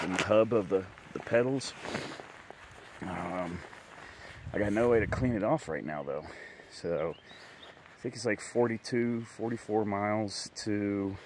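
A man's voice: fairly low pitch, background noise. A man recording a casual bikepacking vlog outdoors at a rural campground, talking candidly in a rambling way with many fillers and restarts. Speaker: bikepacking vlogger. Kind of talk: casual trail vlog to camera.

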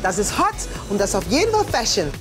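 A woman's voice: mid-range voice, fast talker, over music. A woman hosting as a stylist on a city street, talking in an upbeat way and mixing in English phrases. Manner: lively, mixes in English phrases. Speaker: stylist and host. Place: busy city street outdoors.

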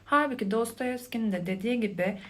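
A woman giving a quiet, hushed ASMR explanation in a soft, calm, late-night manner. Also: on the high side, fast talker. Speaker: host explaining a psychology concept.

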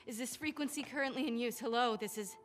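A woman's voice: a little high, fast talker, soft background music, close to an everyday voice. An actress with an American accent playing a determined young woman survivor in a video game, speaking in an earnest, clipped way. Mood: anxious, pleading. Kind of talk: video game drama acting.

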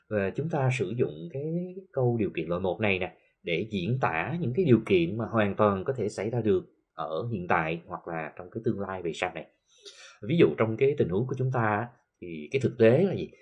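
Husky Southern Vietnamese male teacher. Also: lowish voice, darkish tone, lo-fi sound. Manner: explains slowly, many "ờ" fillers, reads English examples slowly. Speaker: English teacher. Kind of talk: recorded classroom lesson for TV.

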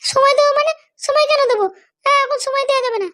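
Fretful cartoon mother, high-pitched and rapid, a woman voicing her. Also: steady tone, bright, forceful tone, no echo, clean studio sound. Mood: alarmed. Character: anxious, pleading middle-aged mother of a groom. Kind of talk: cartoon voice acting.

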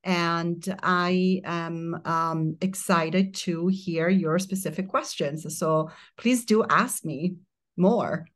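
A middle-aged woman from Italy, a guest in an interview, talking calmly and reflectively in long flowing phrases over a remote connection. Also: on the low side, slow pace. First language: Italian. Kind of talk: casual interview chat. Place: remote mountain home, remote interview.

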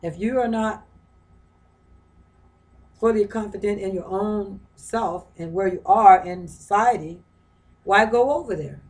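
A woman's voice: medium pitch, unhurried, long pauses, darkish tone, low-quality recording. A woman giving an informal lecture from home, talking through a book in a conversational way, often repeating phrases and asking rhetorical questions. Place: her home.

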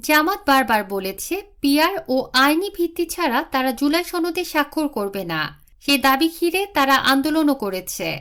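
A woman presents the news, her voice pitched high. She keeps a formal, even newsreader's delivery throughout, reading from a script.

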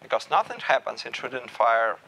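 A man in his thirties giving a technical talk at a meetup, measured and thinking aloud with small restarts. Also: mid-range voice, sing-song, bright, forceful tone, slight background noise, rough recording. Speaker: meetup speaker. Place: small room with stage curtains.

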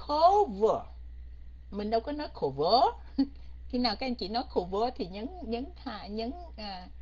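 Husky woman teaching English. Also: on the high side, lo-fi sound. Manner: coaxing, keeps quizzing students, mixes in English. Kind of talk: online grammar lesson.

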